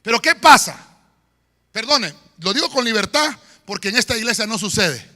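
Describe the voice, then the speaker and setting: A pastor preaching a sermon in a church, swinging between shouts and quiet murmurs. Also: male voice, high-pitched, big pitch swings, moderate pace. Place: church sanctuary. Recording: long church hall reverb.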